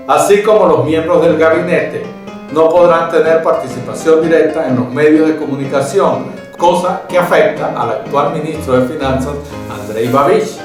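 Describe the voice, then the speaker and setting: A man presenting a weekly news summary, reading in a steady, measured way with small slips. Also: on the high side, far from the mic. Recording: very echoey room, voice from afar, faint guitar.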